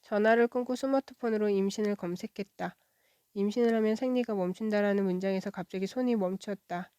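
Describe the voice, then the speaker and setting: A woman reads a children's storybook aloud in a soft, even way. Her voice sits in a middle pitch. It sounds dry and close, with no room echo. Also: brisk, clean tone. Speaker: children's book reader.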